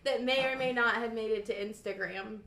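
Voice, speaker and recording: A woman's voice: fairly high pitch, brisk, fairly bright tone. Playful young woman interviewing, roomy sound. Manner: playful, teasing. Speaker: interviewer and channel host. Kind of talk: casual chat.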